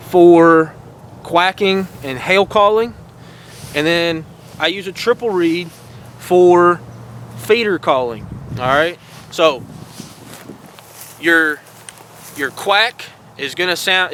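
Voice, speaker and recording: In a casual outdoor lesson, a host with a high, bright voice teaches duck calling. He's folksy and encouraging, saying "all right" and "guys" again and again, and the rough recording carries a slight hiss or hum.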